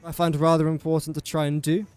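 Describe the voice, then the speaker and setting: This gaming streamer, a young man with an English accent from England, talks quickly and flatly in a fairly high, slightly mellow, clean voice. Soft music plays in the background as he casually comments on his building game and teases himself while addressing the pieces.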